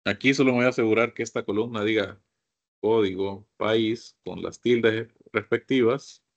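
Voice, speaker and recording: A man's voice: on the low side, fairly even intonation, moderate pace, lo-fi sound. A man teaching a computer course, walking his class through each step and often asking them to look. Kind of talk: screen-share software lesson.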